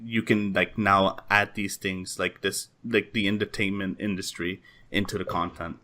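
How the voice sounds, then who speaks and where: A young man with a lowish, bright voice talks casually on a podcast, wandering through his points. He fills his speech with "like" and "um" and restarts his sentences often. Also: level tone, normal speed. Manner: rambling, heavy use of "like" and "um". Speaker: podcast host.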